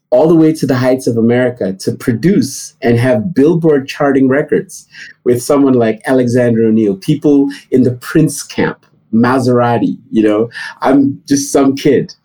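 A middle-aged man from Nigeria answering interview questions, telling stories with animated, climbing emphasis. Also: breathy edge, poor audio. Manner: animated storytelling, rising high for emphasis. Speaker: guest.

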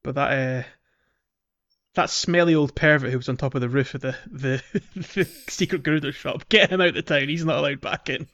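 A podcast co-host talks casually and hesitantly about a video game in a fairly high, fairly bright voice at a moderate pace. The audio is dull and lo-fi, with music playing behind him.

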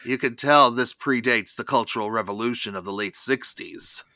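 A man's voice: medium pitch, moderate pace, sharp tone, dry recording. A man hosting a review show, reading a scripted recap with asides.

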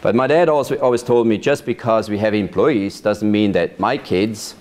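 A man, recounting his life in a measured, storytelling way during an oral history interview. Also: lowish voice, a little mellow. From Switzerland. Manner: measured storytelling with occasional laughs. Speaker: interviewee, vineyard manager. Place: his farm.

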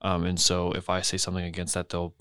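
A man's voice: deep voice, completely flat delivery, fast, a bit bright, smooth, dry recording, studio quality. An eighteen-year-old man in college, talking earnestly and a little hesitantly in a casual family podcast chat. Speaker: podcast guest, son.

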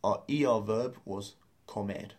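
Male lesson host, fairly low voice, upbeat explainer who laughs easily. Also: unhurried, a little mellow. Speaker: language course host.

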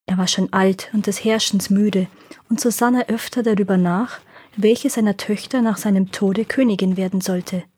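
A woman hosting a podcast, reading fairy tales in calm, clear storytelling narration. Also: medium pitch, normal speed. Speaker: podcast host and fairy-tale reader.

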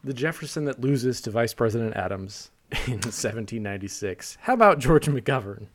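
A man's voice: medium pitch, lively intonation, normal speed. A young man chatting on a podcast in a loose, wry way. He laughs often mid-sentence and keeps an easy conversational tone. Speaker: podcast co-host. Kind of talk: casual podcast chat.

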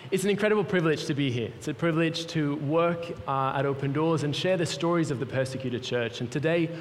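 A young Swiss man with a fairly high voice speaks quickly in a large church hall, its long reverb audible along with slight background noise. He is a guest speaker for a mission group, giving an earnest, personal sermon in his Swiss accent.

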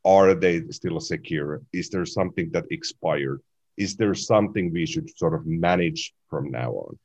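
A man's voice: deep voice, animated, normal speed, darkish tone. A man hosting a tech interview, reflecting aloud and then asking practical follow-up questions.

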